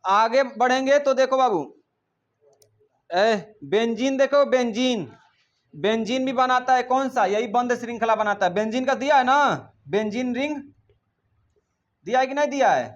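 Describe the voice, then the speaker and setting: High-pitched male teacher quizzing a class. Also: measured pace, pauses often, muffled recording. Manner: drills students with repeated questions, scolds them. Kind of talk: classroom chemistry lesson.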